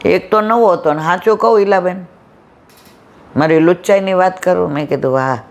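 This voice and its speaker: Satsang storyteller, devotional tale-telling, repeats lines that fade off quietly. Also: moderate pace. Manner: repeats phrases, trailing off low and soft. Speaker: satsang speaker.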